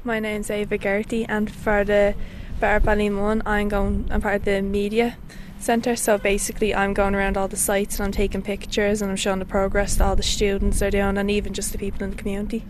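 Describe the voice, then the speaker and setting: A woman's voice: medium pitch, monotone, fairly quick, slight background noise. A woman with a Dublin Irish accent, giving a casual interview as a community volunteer.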